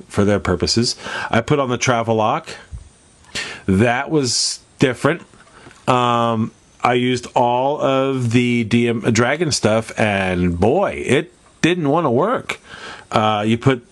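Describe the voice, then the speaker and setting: A congested man with a nasal voice, casually walking viewers through a hobby demonstration in a folksy, rambling way. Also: medium pitch. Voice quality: stuffed-up, nasal. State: congested from allergies. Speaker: host of a model-building tutorial. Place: indoors at a hobby workbench.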